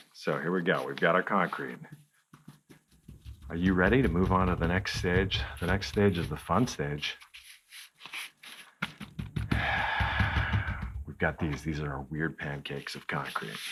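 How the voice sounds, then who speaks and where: A man's voice: extremely low pitch, a bit bright, slight background noise. A man hosting a hands-on crafts tutorial, chatting playfully to the viewer as he works. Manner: playful, chatty, talks to the viewer while working.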